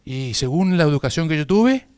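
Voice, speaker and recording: A man's voice: on the high side, normal speed, smooth, no room sound. A man from northern Argentina with an Argentine accent, giving a personal testimony in a church sermon. He tells his story vividly, acts out both sides of the conversations and often chuckles at himself. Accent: Argentine Spanish. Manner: lively storytelling, acting out both sides of dialogues.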